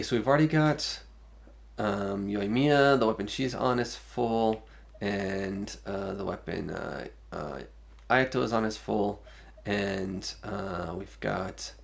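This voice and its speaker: Guy streaming a game, low gravelly voice, just thinking out loud. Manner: musing aloud, thinking through choices. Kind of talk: casual gameplay commentary.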